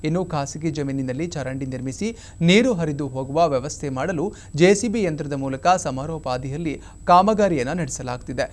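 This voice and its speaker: A man with a Kannada accent delivers a local news voice-over in a steady, formal way. His voice sits a little high for a man. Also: moderate pace. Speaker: news reporter.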